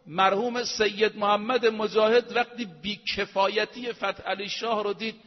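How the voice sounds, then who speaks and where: High-voiced man preaching in a hall. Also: steady tone. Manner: emphatic, rising to loud declamation. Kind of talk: religious lecture. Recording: dull sound in a reverberant hall.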